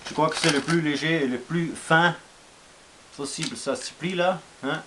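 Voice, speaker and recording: A man's voice: a little high, normal speed, fairly bright tone, slight background noise. A man from Austria with an Austrian German accent, speaking French casually and hesitantly in a survival gear vlog, with many fillers and restarts. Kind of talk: casual show-and-tell vlog.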